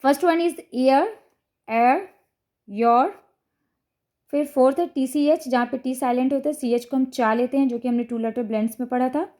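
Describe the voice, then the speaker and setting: ऊँची, मधुर आवाज़ वाली महिला शिक्षिका. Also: female voice, high-pitched, steady tone, moderate pace, darkish tone. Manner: patient, step-by-step explaining with frequent "ठीक है" checks. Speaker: teacher explaining phonics to parents. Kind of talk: explanatory lesson to camera.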